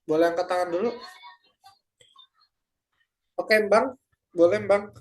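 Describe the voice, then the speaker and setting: A man's voice: high-pitched, unhurried, darkish tone. A young adult man tutoring a German class over a video call, speaking casually with lots of hesitant fillers. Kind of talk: online class teaching.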